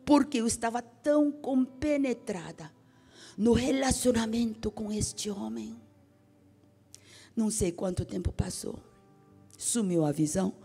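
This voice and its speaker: Woman, preacher, emotional testimony sermon, unhurried delivery, whispers and exclamations, long hall echo. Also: a little high, slightly rough. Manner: dramatic, swings from hushed whispers to fervent exclamations. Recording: reverberant hall with soft music.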